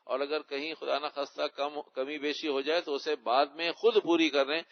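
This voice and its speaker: A man's voice: on the high side, level tone, slight background noise. A man, an Islamic scholar, answering audience questions in a religious Q&A lecture, explaining rulings and repeating key words for emphasis. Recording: dull lo-fi recording.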